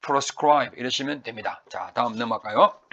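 A male teacher with a Korean accent works through a vocabulary lecture. His voice is bright but rough, with gravel and a husky edge. He drills pronunciation by repeating each word and stretching it out slowly. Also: medium pitch, dull audio. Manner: asks and answers his own questions.

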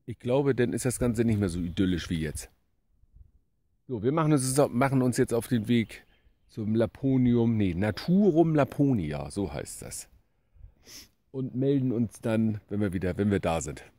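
A man's voice: on the low side, animated, moderate pace, dark tone, no room sound. A man in his fifties filming himself at arm's length outdoors, chatting casually as a travel vlogger and often correcting himself. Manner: chatty, rambling, self-correcting. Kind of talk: casual vlog commentary. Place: outdoors by a lake and in a wooden hut. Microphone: camera held at arm's length.

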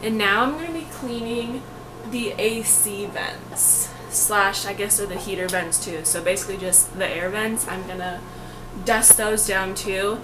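A woman's voice: medium pitch, unhurried. Woman, 20s, upbeat casual vlogging, talks to a camera in a bare echoey room. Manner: chatty, upbeat, says "like" often. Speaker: lifestyle vlogger. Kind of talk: casual cleaning vlog narration. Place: small apartment living room, indoors. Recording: echoey room, faint room noise.

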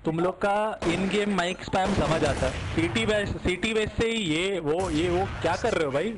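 A man with a high voice lectures his teammates over voice chat, telling them to stay calm and play their assigned spots. Heavy gunfire from the game is loud behind him. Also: moderate pace, heavy background noise. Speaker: tournament player. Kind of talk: team voice chat during a match.

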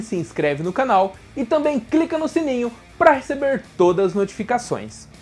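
Woman, video host; animated, swooping delivery, soft music bed. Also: fairly high pitch, breathy edge. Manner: lively, addresses viewers directly. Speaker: host of an anime channel. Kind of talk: scripted anime explainer narration.

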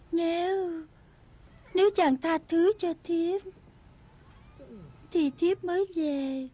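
A woman's voice: extremely high pitch, very slow, long pauses, dark tone, exaggerated voice. A woman playing a sweet, pleading young wife and daughter in a dubbed folk-tale drama. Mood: shy.

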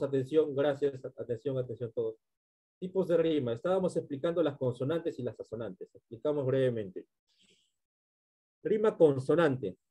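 A man's voice: medium pitch, dark tone, slightly rough. A male teacher giving a literature class, explaining step by step and often checking in with his students.

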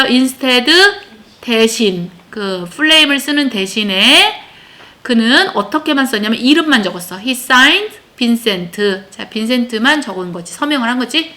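A woman's voice: high voice, lively intonation, slow, bright, forceful tone. A woman teaching English to a class of children, explaining a text line by line and often checking that her pupils follow.

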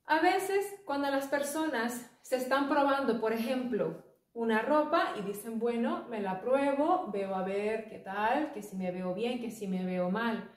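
A woman teaching an English lesson, explaining slowly and patiently. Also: a little high, far from the mic. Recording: echoey room, voice from off-mic.

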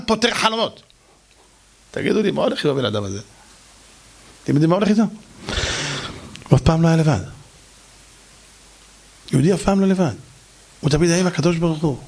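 Male rabbi, sermon, high-pitched, animated rhetorical storytelling.

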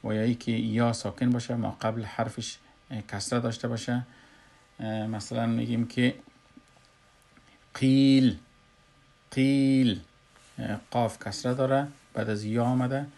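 Gravelly man with an Afghan Dari accent. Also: medium pitch, flat delivery, darkish tone. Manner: slow, explanatory, with frequent "uh" pauses. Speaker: Quran recitation teacher. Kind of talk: recorded recitation lesson.

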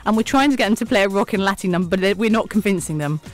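A woman hosts a live show in a small radio studio. She is bubbly and teasing, quick to giggle, and chats with her guests between songs. Music plays faintly beneath her voice. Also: medium pitch, animated. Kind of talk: live hospital radio chat.

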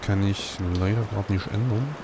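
A man's voice: on the low side, normal speed, heavy background noise. A middle-aged man giving casual let's play commentary, muttering and swearing to himself. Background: loud game music.

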